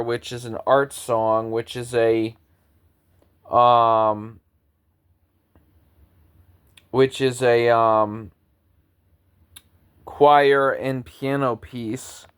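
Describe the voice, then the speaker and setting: A man's voice: medium pitch, smooth. A man in his thirties, a composer, giving an earnest, lecturing, grandiose spoken monologue. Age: 30s.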